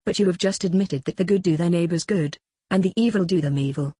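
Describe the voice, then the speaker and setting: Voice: mid-range voice, warm tone, breathy edge, no room sound, studio quality, close to an everyday voice. A reader voicing an aged philosopher cross-examining. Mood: probing. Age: older. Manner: questioning, measured cross-examining delivery. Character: aged male philosopher on trial, probing, ironic. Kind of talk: dramatic reading of a classical dialogue.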